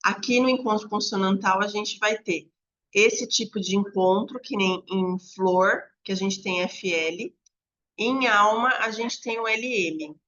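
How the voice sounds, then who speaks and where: Bright-voiced woman teaching slowly. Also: mid-range voice, lo-fi sound. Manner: patient, explains slowly with drawn-out examples. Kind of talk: online lesson on phonics. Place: home apartment with dogs barking nearby.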